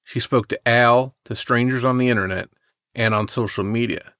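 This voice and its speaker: A man co-hosting a podcast, reading a true crime story from a script in a measured way. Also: medium pitch, steady tone, a bit bright, dry recording, clean studio sound. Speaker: podcast co-host.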